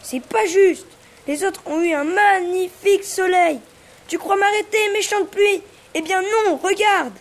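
A woman's voice: high voice, animated, normal speed, a little mellow, slight background noise. A woman voicing an eager, determined young male eagle in a storybook, spirited and exclaiming. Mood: indignant. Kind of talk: storybook voice acting.

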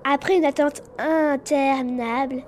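A woman narrating a children's animal story in a calm, even storytelling voice. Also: sits high, measured pace, a little hiss or hum.

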